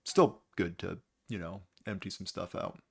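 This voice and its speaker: A man's voice: low-pitched, normal speed, creaky, slightly rough. A man giving casual gameplay commentary as host, with a dry, wry, understated way of talking. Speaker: gaming video host.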